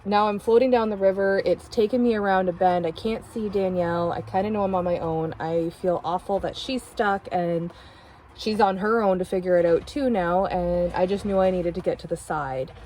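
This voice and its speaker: A woman's voice: on the low side, normal speed, darkish tone, slight background noise, rough recording. A woman co-hosting a kayaking vlog, telling in vivid detail how she fell into a river. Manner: vivid, detailed retelling of a mishap. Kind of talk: casual storytelling.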